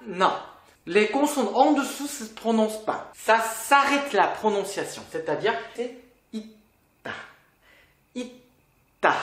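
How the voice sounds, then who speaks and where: A language teacher talks through a lesson at an unhurried pace. The voice rises and falls a lot, with a patient habit of quizzing the listener. A roomy echo hangs on the recording. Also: mid-range voice, a bit bright. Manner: patient, asks the viewer questions. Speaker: Korean teacher.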